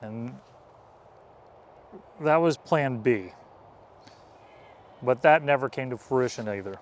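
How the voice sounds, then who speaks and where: A man hosting an on-location vlog, explaining things casually as a guide outdoors on a trail, with a steady drone of traffic. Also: medium pitch, slow pace. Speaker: vlog host and explorer guide.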